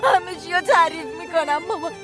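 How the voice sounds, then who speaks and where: An actress voicing a desperate young woman who begs her mother and brother, shouting and crying, in a dubbed TV drama. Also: very high-pitched, over loud music. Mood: sobbing. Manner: frantic shouting and sobbing pleas. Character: young woman Diyar, desperate, pleading with family.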